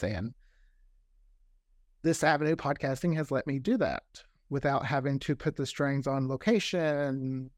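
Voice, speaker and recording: In a studio-quality, echo-free recording, a man with a slightly high voice chats as a podcast guest. A podcast creator himself, he's eager and chatty, frequently slipping into made-up quotes of what people might say.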